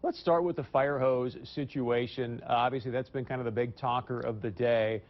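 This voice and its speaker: A man's voice: medium pitch, fairly even intonation, normal speed, muffled recording. A man hosting an evening news talk show, speaking emphatically and addressing viewers directly.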